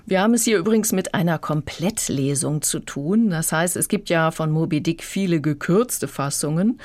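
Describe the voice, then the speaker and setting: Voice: medium pitch, normal speed, a little mellow. A book critic giving a thoughtful review of audiobooks on radio.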